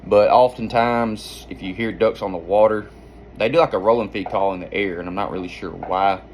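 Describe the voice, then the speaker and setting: A man with a low voice walks through a practical tutorial in an informal, folksy manner. His explanations ramble along like those of an amateur outdoorsman showing a skill. There is some noise behind him. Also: moderate pace. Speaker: duck-calling instructor and hunter.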